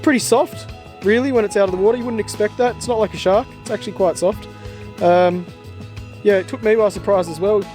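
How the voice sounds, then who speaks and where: A man's voice: high-pitched, steady tone, fairly quick, a little mellow, faint music behind, natural voice. A man doing a put-on New Zealand accent as a laid-back, rambling boatyard bloke who calls everyone bro. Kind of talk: comic impression in a vlog.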